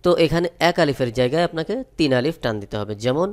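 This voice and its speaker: Man spelling out and chanting Arabic slowly. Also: a little high, lively intonation. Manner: spells letters and vowels, then chants words slowly and drawn out. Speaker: Quran recitation teacher. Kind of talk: step-by-step recitation lesson.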